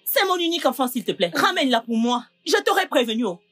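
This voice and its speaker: A woman's voice: sits high, very animated, fast talker, fairly bright tone, breathy edge, soft background music, full character voice. An actress dubbing a grieving mother of a missing daughter, speaking with strong emotion. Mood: accusing. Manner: emotional, accusing and grateful by turns. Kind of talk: dubbed film drama.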